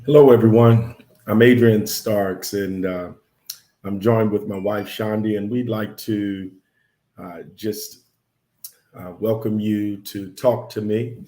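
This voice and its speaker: A middle-aged man hosting a casual talk show with his wife, speaking slowly with many fillers and restarts. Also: on the low side, steady tone, mellow, echoey room. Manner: slow, halting, many fillers. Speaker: host.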